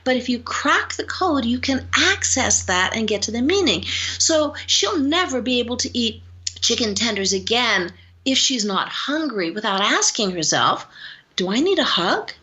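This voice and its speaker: A woman psychologist, a guest on an interview show, telling stories in an animated way and acting out the dialogue in them. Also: on the high side, normal speed, muffled recording. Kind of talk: storytelling interview answers.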